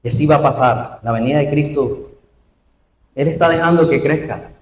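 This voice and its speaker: A man's voice: on the high side, normal speed. Man preaching from afar in an echoey church. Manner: animated preaching with rhetorical questions. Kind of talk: sermon. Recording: roomy hall, voice from far off.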